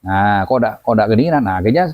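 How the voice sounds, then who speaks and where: Fast-talking male storyteller, lo-fi. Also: fairly low pitch. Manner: lively, acts out voices. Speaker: guest telling testimonies. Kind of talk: animated storytelling. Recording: dull lo-fi audio.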